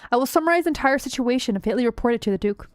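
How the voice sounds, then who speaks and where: Woman reading male ambassador, polite, measured, fairly high voice, dry sound. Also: expressive, no echo, lightly acted. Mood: brisk. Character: man, a shrewd foreign ambassador.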